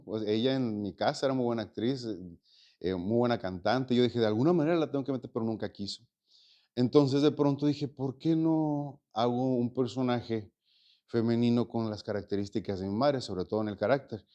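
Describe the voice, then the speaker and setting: A man's voice: mid-range voice, a little mellow. Reflective Mexican man in his forties. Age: 40s. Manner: reflective, with many fillers and repeated words. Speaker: interview guest, actor and stage producer. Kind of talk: casual interview conversation.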